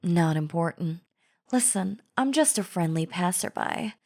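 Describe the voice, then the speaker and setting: In a scripted audio roleplay, a woman voices a chatty female zombie, addressing the listener with coaxing, false friendliness and a sly, wheedling drawl. Her voice is lowish, animated, a little mellow and a little slow.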